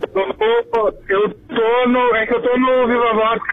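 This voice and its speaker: A man's voice: very high-pitched, animated, slow pace. A man calling in to a radio show from a speakerphone, in casual chat. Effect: on speakerphone over a phone call. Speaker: radio caller. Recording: muffled speakerphone line.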